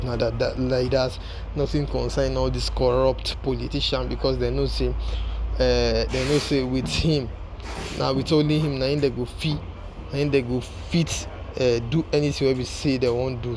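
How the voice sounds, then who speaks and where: A man with a Nigerian accent talks to his viewers in Nigerian Pidgin. His pitch stays flat and his phrasing circles back on itself in a halting way. There is clear noise behind him. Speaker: online channel host. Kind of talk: informal political commentary to viewers.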